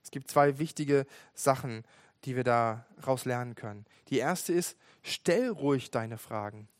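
A young man delivers a sermon in an earnest, conversational tone, often restarting and filling pauses. His voice sits at a middle pitch and is recorded dry and close, with no room around it. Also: no room sound. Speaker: preacher.

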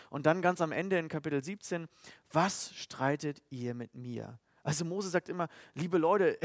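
Man, pastor, sermon, earnest and emphatic, slightly high voice, dry close sound. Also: no echo.

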